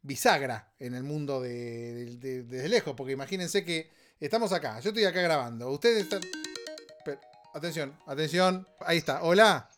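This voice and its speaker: Excitable argentine guy ranting on a podcast. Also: fairly high pitch, normal speed, soft background music. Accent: Argentine Spanish. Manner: animated, exasperated, mock-quotes lyrics in a put-on voice. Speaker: podcast host. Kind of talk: casual comedic commentary on a song. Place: home recording setup.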